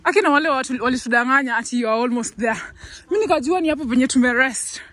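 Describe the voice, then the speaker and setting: A woman's voice: high-pitched, racing, a bit bright, rough recording. A young Kenyan woman chatting casually into her phone on a hike, switching between English and Swahili. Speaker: vlogger. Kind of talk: casual hiking vlog. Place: outdoors on a windy mountain trail. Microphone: phone camera held at arm's length. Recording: wind noise on phone mic.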